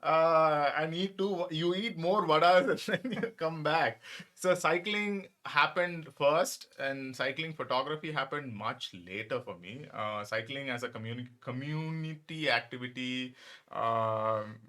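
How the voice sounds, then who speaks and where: A man's voice: a little high, measured pace, bright, forceful tone. A man with a South Indian accent telling anecdotes casually as an interview guest, often acting out remarks. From Bangalore, India. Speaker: podcast guest, photographer.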